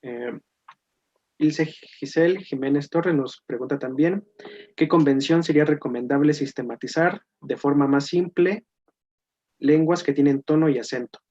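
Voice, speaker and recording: A man moderating a talk, reading audience questions aloud in a plain, measured way. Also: fairly high pitch, warm tone. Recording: dull muffled online talk audio.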